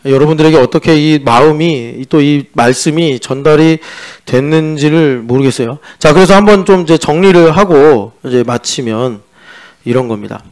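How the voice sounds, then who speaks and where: Joking Korean pastor, fairly high voice. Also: male voice, moderate pace, a little mellow. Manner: conversational and joking, teasing the congregation; mixes in sung-style English lyric lines. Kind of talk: sermon. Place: church sanctuary.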